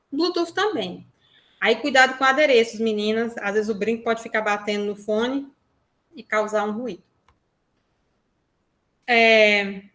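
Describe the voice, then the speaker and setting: A Brazilian woman gives an online workshop from home, talking into a lapel mic. Her voice sits a little high and sounds bright and clear. She explains things in a chatty way and keeps checking in with tag questions. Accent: Brazilian Portuguese. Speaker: workshop presenter. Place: room at home. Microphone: lapel mic on a phone.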